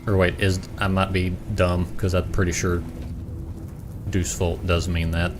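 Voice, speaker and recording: Deep-voiced and measured, with little pitch movement, this young man's speech comes through over background noise. He has a Southern accent from the southern US and is at home casually commentating on a game he's streaming, wandering into self-deprecating asides.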